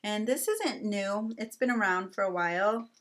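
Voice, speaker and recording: A young adult woman chats casually through a beauty product haul for her channel. She talks in a relaxed, rambling way, often reaching for "um" and "like". Her voice sits at an ordinary middle pitch for a woman. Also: moderate pace. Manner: chatty, with many fillers like "um" and "like". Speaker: beauty vlogger.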